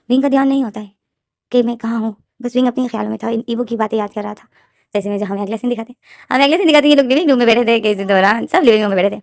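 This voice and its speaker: A woman's voice: fairly high pitch, darkish tone, no room sound, clean studio sound. A woman with a Hindi accent retelling a fanfiction story in casual narration, reading out the characters' lines herself.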